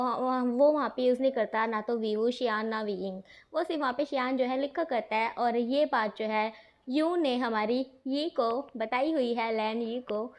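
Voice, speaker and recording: A woman narrating a fan story casually, chatty, with many fillers and asides. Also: a little high.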